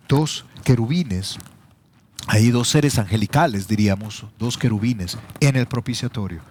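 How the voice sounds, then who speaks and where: A man's voice: medium pitch, a little mellow. A pastor with a Salvadoran Spanish accent preaching a teaching sermon, his voice rising sharply when he quotes scripture.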